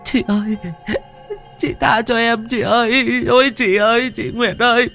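Male narrator plays a panicked sobbing woman in a ghost story, high pleading wail. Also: fairly even intonation, measured pace, gravelly, sharp tone, soft background music, exaggerated voice. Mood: pleading terror. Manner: high wailing falsetto, pleading. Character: terrified sobbing middle-aged woman begging forgiveness.

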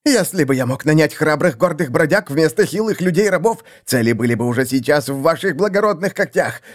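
A cringing rat-man assassin who whines and stammers before his master. His voice climbs very high above the narrator's own, thin and pleading. He sounds like a coward caught out in a fantasy audiobook. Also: big pitch swings, moderate pace. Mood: whining. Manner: whining, stammering, grovelling.

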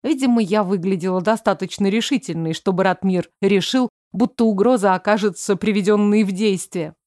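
A woman's voice: mid-range voice, fairly quick, darkish tone, no echo, studio quality. A woman reading a first-person story aloud as an audiobook narrator, expressively. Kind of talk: scripted narration.

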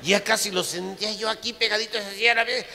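Middle-aged Mexican comic storyteller, crude and animated, with a bright, slightly high voice. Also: male voice, fast, vocal fry. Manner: profane, animated, acts out voices and shouts. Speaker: storyteller comedian.

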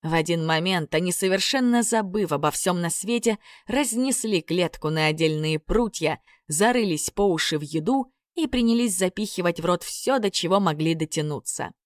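A woman narrating a fairy tale audiobook in an expressive storytelling manner. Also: fairly low pitch, normal speed, few pauses, dry recording, clean studio sound.

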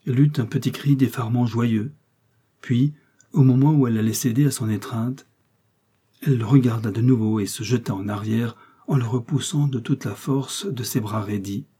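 A man reading a novel aloud as an audiobook reader, in measured, even storytelling. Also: mid-range voice, slightly rough. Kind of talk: scripted narration.

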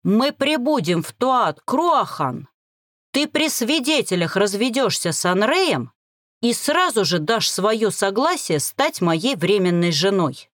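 A woman's voice: medium pitch, big pitch swings, unhurried, dry recording, clean studio sound. A woman voicing a domineering male warrior chief who growls curt demands. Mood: commanding.

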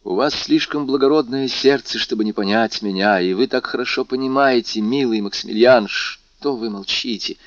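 A man's voice: mid-range voice, normal speed, few pauses, no room sound, highs cut off, pitched above the performer's own voice, close to an everyday voice. A man voicing a pleading distressed young woman. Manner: pleading, agitated.

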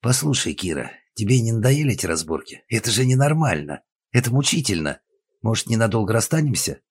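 A man's voice: fairly low pitch, big pitch swings, brisk, husky, dry recording, pitched above the performer's own voice. A man voicing a weary, exasperated young man.

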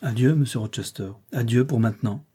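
Male reader as reserved young governess, audiobook, mellow breathy voice. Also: mid-range voice, brisk. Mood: firm. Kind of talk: audiobook reading.

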